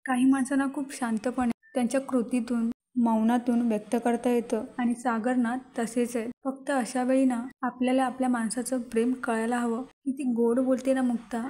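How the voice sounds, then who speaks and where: A woman reading the lines of a gentle, devoted young wife in a soft, earnest way. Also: a little high, lightly acted.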